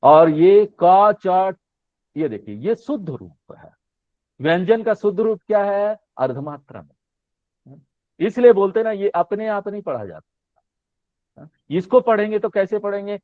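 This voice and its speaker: Male teacher, fairly high voice, dry and phone-thin, patient recitation of letters. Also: expressive, no echo. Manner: drawn-out recitation of letters with rising questions. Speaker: Sanskrit teacher. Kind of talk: explaining a language lesson. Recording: tinny phone-line sound, dry.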